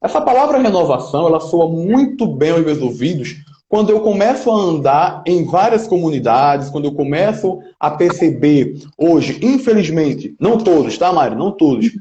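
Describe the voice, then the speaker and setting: Casting: man in his twenties, emphatic political interviewee, slightly high, warm tone. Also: big pitch swings, normal speed, few pauses. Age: 20s. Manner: emphatic, speechmaking, leans on "né?" tags. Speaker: local political pre-candidate interviewee. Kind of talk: earnest interview answers. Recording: roomy, slightly dull lo-fi sound.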